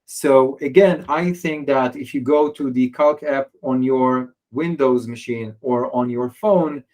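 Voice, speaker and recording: A man from Israel walks through a software demo, his medium-pitched voice halting as he hesitates, fills gaps, and restarts his sentences.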